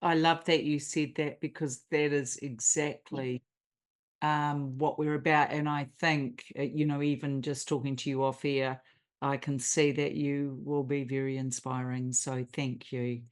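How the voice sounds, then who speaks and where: An interview host introducing a guest and gently asking questions in a measured way. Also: mid-range voice, little pitch movement. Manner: measured and encouraging. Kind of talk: interview hosting.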